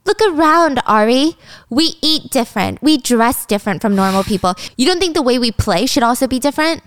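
A woman's voice: sits high, animated, brisk, no echo, clean studio sound, pitched above the performer's own voice. A woman voicing a spoiled rich young party girl who sneers and whines, in a drama recap. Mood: mocking. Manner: whiny, mocking.

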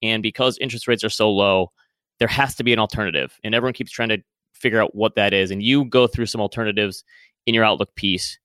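A man's voice: on the low side, fairly even intonation, fast talker, a bit bright, clear, resonant tone, no echo. A man hosting a podcast interview, putting questions in a conversational style.

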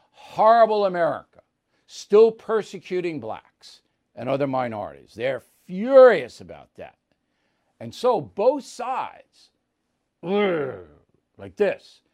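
A man's voice: fairly high pitch, a little mellow. A man hosting an opinionated commentary monologue, emphatic and repeating words for punch. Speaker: host.

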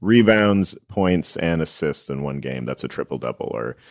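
A man's voice: rumbling low, animated, normal speed, vocal fry, no room sound, clean studio sound. A man in casual chat, patiently explaining sports rules and laughing easily.

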